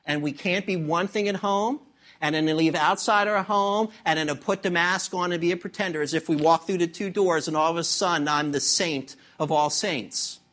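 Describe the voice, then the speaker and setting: Animated middle-aged male pastor preaching. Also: fairly high pitch, moderate pace. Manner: animated storytelling with acted-out voices and humor. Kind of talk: sermon.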